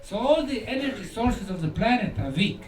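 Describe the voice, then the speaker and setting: Speaking at a conference, a Bosnian researcher and lecturer, native in Bosnian, uses a high voice with very lively, swooping pitch. His phrases are short and deliberate, with pauses for effect, and the distant mic catches an echoey room and faint noise.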